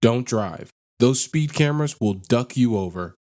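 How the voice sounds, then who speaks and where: Male narrator for read-aloud online stories, mid pitch, flat listing delivery. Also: a little slow. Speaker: narrator reading online posts. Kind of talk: scripted narration.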